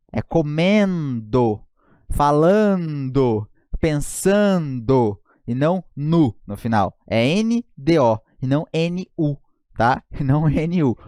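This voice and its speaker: A Brazilian man teaches grammar online in a lively, joking way, checking in with his students again and again. His voice sits at a middle pitch for a man. The sound is dry and close. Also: dry recording. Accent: Brazilian Portuguese.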